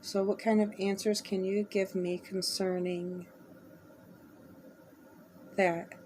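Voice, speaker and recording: A woman hosting a spirit box session, talking in a rambling, halting, exasperated way as she addresses spirits. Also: medium pitch, little pitch movement, a little mellow, a little hiss or hum.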